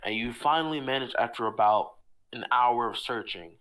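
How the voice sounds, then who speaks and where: A man narrating a tabletop role-play game as its game master, describing scenes and rulings in a relaxed, plain manner. His voice sits at an ordinary middle pitch. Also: moderate pace, poor audio.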